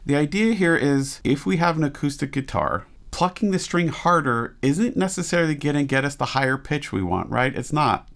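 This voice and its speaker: A man's voice: a little high, lively intonation, normal speed, vocal fry, few pauses, fairly bright tone. A man working as a vocal coach, reacting to a performance with casual, enthusiastic teaching commentary and frequent rhetorical questions.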